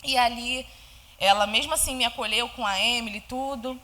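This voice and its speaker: Young Brazilian woman, high voice, heartfelt church testimony, chatty with tag questions. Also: fairly quick, sharp tone. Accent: Brazilian Portuguese. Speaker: church member giving testimony. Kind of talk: personal testimony.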